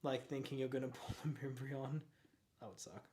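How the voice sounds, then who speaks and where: During a casual livestream, a young Australian who collects cards speaks spontaneously in a mid-pitched voice, rambling excitably with frequent laughs and hasty apologies. A little hiss or hum sits in the background.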